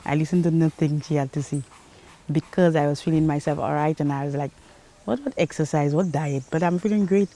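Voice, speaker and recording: A woman's voice: sits low, brisk, dark tone, low-quality recording. A woman with a Saint Lucian accent giving a plain-spoken, candid personal testimony. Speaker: interviewee, mother and patient. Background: music under the voice.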